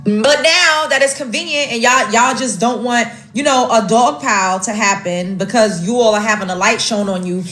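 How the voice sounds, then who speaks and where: A woman's voice: a little high, moderate pace, hardly any pauses, a bit bright, reverberant, faint music behind. An American woman giving emphatic casual commentary, stacking up complaints with fillers and restarts. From United States. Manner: emphatic, lists grievances, many fillers and restarts. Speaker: social media commentator.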